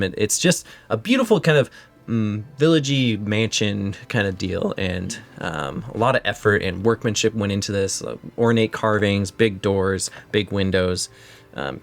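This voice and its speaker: Rambling male game master. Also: fairly low pitch. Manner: rambling descriptions with many fillers. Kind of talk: narrating a tabletop game.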